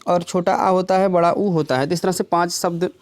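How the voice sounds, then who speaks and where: High-voiced man teaching a lesson. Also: fairly even intonation, brisk, dry recording. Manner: explains step by step, often checks with "clear?" and "theek hai". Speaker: English teacher. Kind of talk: classroom lesson.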